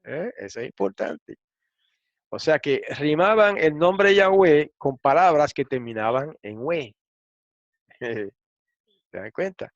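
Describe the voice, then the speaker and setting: A man with a fairly high, expressive voice teaches a Bible lesson slowly, reading through quotations lecture-style, explaining things step by step and checking in with his listeners. The recording is dull, dry, and lo-fi, with no room sound.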